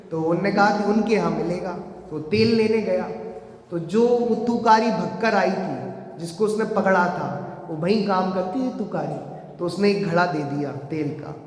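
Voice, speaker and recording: A man preaching a sermon, telling a moral story and asking the listeners rhetorical questions. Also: sits high. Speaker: Jain preacher. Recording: echoey hall.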